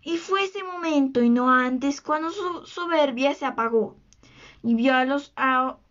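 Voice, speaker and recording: A woman reads a children's book aloud in a slow, expressive storytelling manner. Her voice sits high. The recording is dull and lo-fi.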